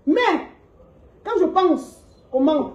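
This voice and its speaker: A Cameroonian woman with a high-pitched voice delivers a scolding live-stream rant. She mocks her target and keeps asking the same rhetorical questions. The sound is roomy and echoing. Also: animated, slow, a little mellow, highs cut off. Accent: Cameroonian French. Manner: mocking, repetitive rhetorical questions. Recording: roomy echo.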